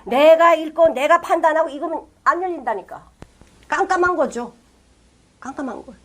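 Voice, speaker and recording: High-voiced, emphatic woman pastor preaching. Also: moderate pace. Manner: emphatic, rhetorical questions, swings between loud and hushed. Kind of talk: sermon.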